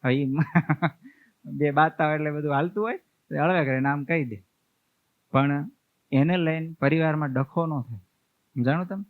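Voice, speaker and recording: Brief: male preacher, fairly high voice, folksy storyteller, narrow phone-like audio. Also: normal speed, pauses often. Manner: homely storytelling, acts out family members' words. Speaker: swami preacher. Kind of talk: storytelling sermon. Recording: tinny, phone-like dry sound.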